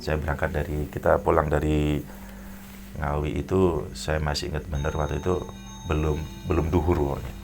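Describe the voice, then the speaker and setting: A man, a guest in an interview telling a story in a rambling, animated way and acting out the people in it. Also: rumbling low, normal speed. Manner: rambling, animated retelling with acted quotes. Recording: clear background music.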